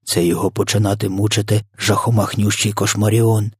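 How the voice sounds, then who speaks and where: A man's voice: fairly low pitch, flat delivery, fairly quick, husky, no echo, clean studio sound. A man voicing a kind old male giant who whispers and mangles his words. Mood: hushed. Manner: whispering, hushed, mangled grammar.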